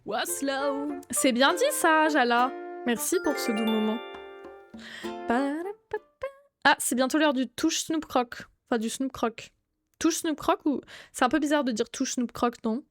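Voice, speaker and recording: A young woman with a high voice chats casually on a live stream, greeting viewers one by one. She often breaks into excited, louder outbursts before calming down again. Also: slow, soft background music.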